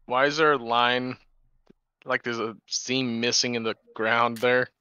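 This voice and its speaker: A player calmly describing character actions in a tabletop game. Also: mid-range voice, a little slow, clean tone, no room sound. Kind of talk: tabletop game role-play.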